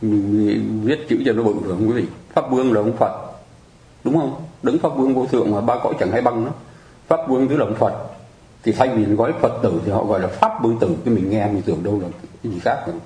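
Man, Buddhist teacher, patient and chatty explainer, low relaxed voice, roomy echo. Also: fast. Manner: patient, explanatory, keeps asking listeners to agree. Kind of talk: conversational teaching on mudras and mantras.

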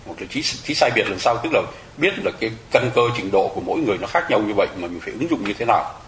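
A man's voice: fairly low pitch, lively intonation, rapid-fire, a bit bright, roomy sound, slight background noise, low-quality recording. A man teaching Buddhist scripture to lay followers, explaining terms and often asking the audience whether they remember. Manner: explanatory, rhetorical questions to the audience. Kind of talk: dharma talk to lay followers.

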